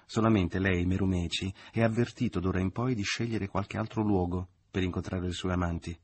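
A man's voice: sits low, steady tone, a little fast, a little mellow, slight background noise, lightly acted. Man doing a fussy, touchy middle-aged mother. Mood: indignant. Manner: complaining, indignant.

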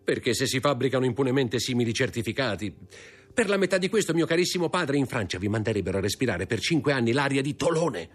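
Give me a man playing an eager, mocking young schemer with a husky, animated voice. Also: medium pitch, fast talker, faint music behind, pitched above the performer's own voice. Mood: sly.

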